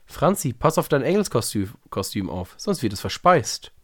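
A man reading a storybook voicing an excited young boy who calls out loudly from a ladder. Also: fairly low pitch, moderate pace, breathy edge, dry recording, studio quality. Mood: warning. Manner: loud eager calls.

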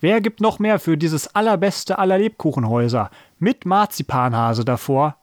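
A man voicing a loud, jovial male baker who calls out an auction in a booming salesman manner, pitched up from his own voice. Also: animated, normal speed, no echo, studio quality, lightly acted. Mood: hearty auctioneering.

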